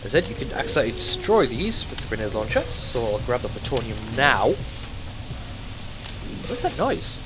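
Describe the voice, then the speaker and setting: A let's play host rambles casually through video game commentary, swearing freely and talking to himself as he plays. His medium-pitched voice is sing-song and fairly quick, with game music running behind him.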